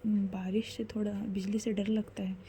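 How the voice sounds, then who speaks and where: A woman storyteller voicing a quick-tempered young woman who stammers when flustered. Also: mid-range voice, flat delivery, mellow, a little hiss or hum, close to an everyday voice.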